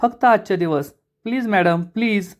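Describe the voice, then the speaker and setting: A man's voice: high voice, moderate pace, voice pushed up, lightly acted. A man voicing a humble, eager young husband who talks in a polite, coaxing way. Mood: pleading.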